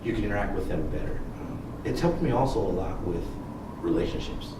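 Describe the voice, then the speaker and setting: A man's voice: low voice, animated, fairly quick. A man co-hosting a podcast in casual, informal talk with some swearing and joking. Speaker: podcast co-host. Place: library room. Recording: roomy, distant mic with clear noise.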